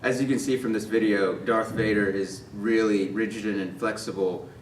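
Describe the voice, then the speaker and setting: A man explains examples like a student presenter. His lowish voice is distant and echoey, with faint noise around it. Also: steady tone, normal speed.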